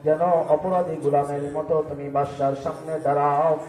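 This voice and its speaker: Man, chanted sermon, high voice, roomy echo. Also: level tone, moderate pace, slight background noise. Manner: sing-song chanting, rising to loud calls. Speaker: preacher. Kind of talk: chanted Bengali waz sermon. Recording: echoey, distant mic, faint music.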